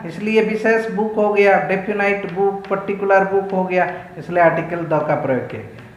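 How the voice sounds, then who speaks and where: Male teacher, high voice, slow deliberate lecturing, echoey room. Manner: slow, deliberate explanation mixing English and Hindi, asking the class questions. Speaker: school English teacher. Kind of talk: online class lecture.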